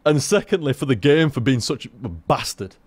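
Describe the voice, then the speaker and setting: A man rambling through casual gameplay commentary, swearing freely and talking in an animated way. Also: mid-range voice, moderate pace, husky, no echo. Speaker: gaming commentator.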